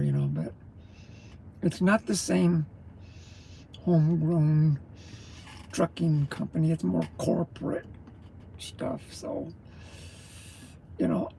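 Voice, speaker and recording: Slightly high and mellow, a trucker's gravelly voice comes through with a little hiss or hum. Mid-breakfast, he chews as he talks, greeting viewers and rambling on a relaxed morning livestream.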